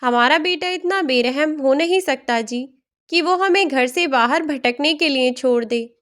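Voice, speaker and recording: A woman voicing a hurt, gentle older mother-in-law in a storybook tale, speaking in a pleading way. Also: sits high, measured pace.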